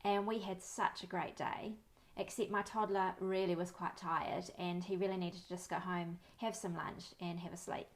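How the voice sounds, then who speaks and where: A woman, a parenting educator giving calm, friendly advice to camera with personal stories. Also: lowish voice, normal speed. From New Zealand. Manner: friendly, anecdotal, calm and reassuring.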